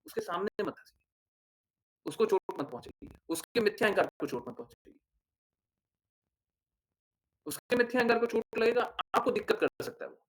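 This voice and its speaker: A man's voice: high-pitched, sing-song, moderate pace, long pauses, rough recording. A man giving a devotional discourse as a spiritual teacher, explaining with everyday examples, asking rhetorical questions and checking in with his listeners.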